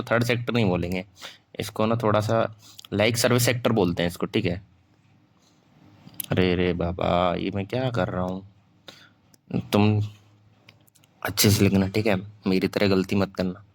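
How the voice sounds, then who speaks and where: A young man with a somewhat low voice giving a classroom-style lecture and dictating notes. His talk is informal and self-deprecating. He blends Hindi with English and keeps asking whether the class is following. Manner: mixes Hindi and English, checks in with "theek hai" after nearly every phrase; informal and self-deprecating, corrects his own slips aloud. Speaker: online teacher.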